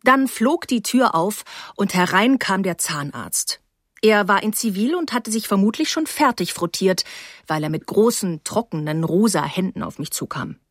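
A woman reading a first-person story aloud in a wry, even storytelling manner. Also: mid-range voice, normal speed, no room sound, studio quality. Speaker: audiobook narrator. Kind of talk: scripted first-person narration.

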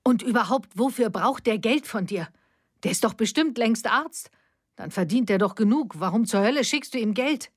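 A woman's voice: on the high side, moderate pace, slightly rough, pitched above the performer's own voice. A woman voicing an angry grown daughter who confronts her mother with accusing questions, read as part of an audiobook story. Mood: bitter.

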